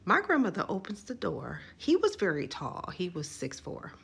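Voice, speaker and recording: A woman telling a personal story in a casual storytime video, animated and conversational, with asides to her viewers. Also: fairly low pitch, moderate pace, gravelly, slightly rough.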